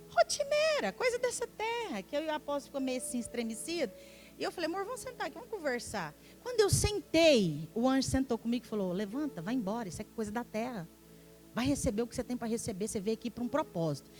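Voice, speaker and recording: A high-pitched, quick-talking middle-aged woman preaches from a church pulpit. She acts out every exchange with lively energy and now and then sinks to a hushed voice. Soft music plays faintly behind her. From Minas Gerais, Brazil. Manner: animated storyteller acting out dialogue, drops to hushed tones. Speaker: apostle and preacher. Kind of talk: storytelling sermon. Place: church sanctuary.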